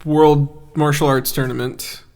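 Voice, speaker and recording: A man's voice: on the high side, level tone, a little slow, a little mellow, a little hiss or hum. A man co-hosting a podcast in casual chat, enthusiastic and laughing easily. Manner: chatty, laughs easily, enthusiastic fan talk. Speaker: podcast co-host.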